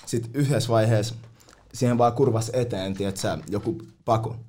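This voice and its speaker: A man's voice: on the low side, a little mellow. A young man telling party stories in casual chat, full of slang and swearing, often mimicking other people.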